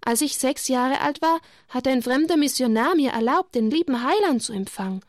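Woman reading as a shy, gentle girl, slightly raised, close and dry. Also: sits high, animated, normal speed, dry recording, pitched above the performer's own voice. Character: older shepherd girl Lucia, gentle and shy.

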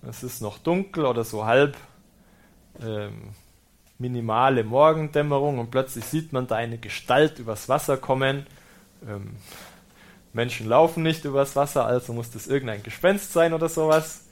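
A male priest gives a sermon, reading scripture aloud and then reflecting on it. He explains patiently and calmly, with touches of gentle humor. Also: medium pitch. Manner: German-speaking preacher.

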